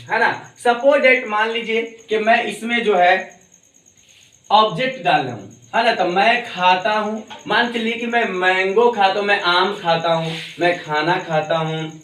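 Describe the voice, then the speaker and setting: A man's voice: high-pitched, a bit bright. A man teaching an English grammar lesson, drilling example sentences over and over and calling his students his dear children. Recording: echoey room, voice from far off.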